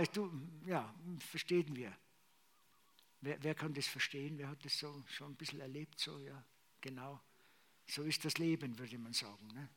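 A middle-aged man giving a conversational sermon testimony, full of fillers and restarts. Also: fairly high pitch. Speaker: preacher.

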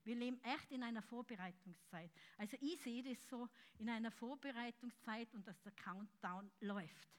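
A woman preaching a charismatic sermon, calling out loudly and then dropping to soft, close speech. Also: fairly high pitch, moderate pace, few pauses. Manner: fervent, swings between loud shouts and soft intimate speech.

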